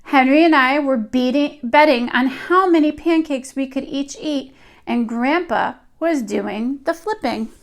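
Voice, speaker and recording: Here a high-voiced woman reads a picture book aloud for young children, expressive and deliberate like a storytime teacher.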